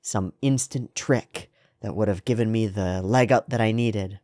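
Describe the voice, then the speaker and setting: An earnest young male anime hero, as acted out by a man declares his resolve in a fairly low voice. He is solemn and determined, speaking in declamatory vows. The sound is dry and close. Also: a little slow, a little mellow, no room sound, close to an everyday voice. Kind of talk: paraphrased anime speech in reaction commentary.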